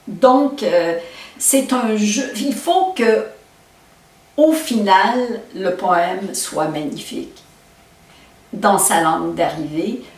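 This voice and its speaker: A woman poet from Quebec with a Québécois accent, answering interview questions in a thoughtful way and often pausing to search for words. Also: mid-range voice. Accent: Québécois French. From Quebec, Canada. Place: poetry festival. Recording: roomy echo, mic at a distance.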